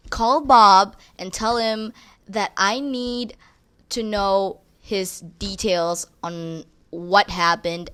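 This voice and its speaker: A woman's voice: mid-range voice, fairly bright tone, no echo. A woman reading online advice posts aloud and giving blunt opinions, swearing casually. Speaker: reddit story commentator.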